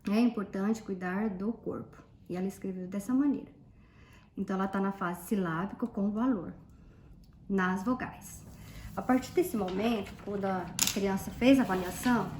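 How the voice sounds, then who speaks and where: A woman's voice: medium pitch, a little mellow, slight background noise. A woman, a tutor explaining methods casually while showing worksheets and pointing things out. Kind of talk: casual teaching demonstration. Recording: echoey room, faint background.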